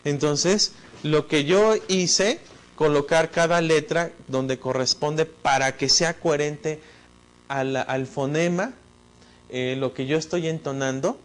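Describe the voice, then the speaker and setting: A man's voice: on the high side, takes it slowly. A male teacher, explaining concepts step by step in an online lecture and speaking directly to the student.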